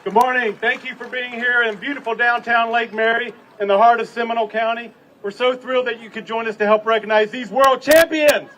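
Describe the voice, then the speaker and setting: A man's voice: very high-pitched, fairly even intonation, brisk. A man speaking as city manager at a public ceremony on an outdoor stage, with an informal, folksy address. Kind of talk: public event speech to a crowd. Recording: distant outdoor PA with crowd and noise.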